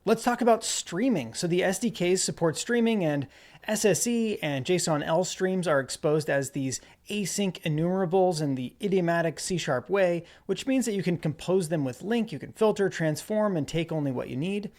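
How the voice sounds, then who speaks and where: A man giving a relaxed screen-recorded coding walkthrough, narrating as he types. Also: sits high, moderate pace. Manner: relaxed explanatory, narrates while typing. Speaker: developer presenter.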